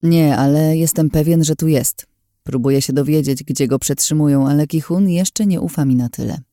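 A man voicing a brooding, remorseful young man in an audiobook, speaking in a low, weary, confiding way. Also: moderate pace, mellow, no echo, studio quality, natural voice. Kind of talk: audiobook character voice.

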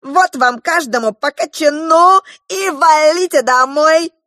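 A woman's voice: high voice, takes it slowly, a bit bright, no room sound, studio quality, pitched above the performer's own voice. A woman voicing a cruel, grey-haired male fake clown who shrieks, whines and mocks in a theatrical way. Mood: mocking.

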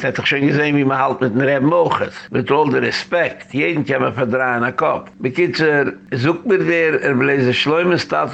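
A man's voice: medium pitch, gravelly, fairly bright tone. A man who is a rabbi, giving a rambling community lecture that tells stories and drops in English phrases. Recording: dull lo-fi recording.

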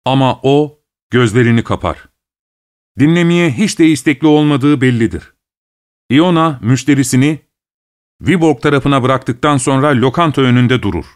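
A man reading a short story aloud in a steady, measured storytelling voice. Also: medium pitch. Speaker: narrator.

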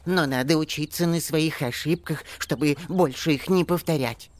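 A calm, measured male elf from a storybook audiobook, as the reader plays him, who gives careful advice. He hesitates and stammers when frightened, and speaks of himself by name. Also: medium pitch, lightly acted. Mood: sensible. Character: wise but timid male elf, afraid of spiders. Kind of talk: audiobook character voice.

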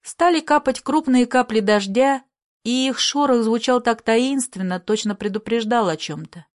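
A woman narrating a literary story in a measured, expressive reading style. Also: on the high side.

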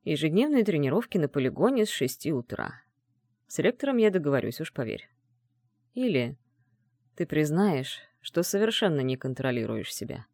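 A man voicing an arrogant male mage mentor who taunts in a calm, low, mocking tone, in an audiobook. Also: normal speed, no room sound, studio quality. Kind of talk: audiobook dialogue reading.

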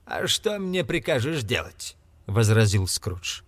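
A man's voice: sing-song, a little slow. A man reading an audiobook, voicing a miserly, grumpy old man who scolds and mocks. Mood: scornful. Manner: scolding, mocking, raised pitch.

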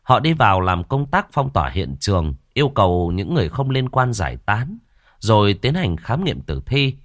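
Male horror narrator, lowish voice, very animated. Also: normal speed, dry recording, studio quality. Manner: dramatic, expressive.

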